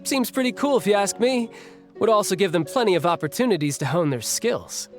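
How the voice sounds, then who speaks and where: A man's voice: sits high, lively intonation, a little fast, faint music behind. A man voicing Childe, a cocky young warrior in a game cutscene who talks in a casual, joking way. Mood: easygoing. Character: cocky young male warrior, breezy and eager to fight.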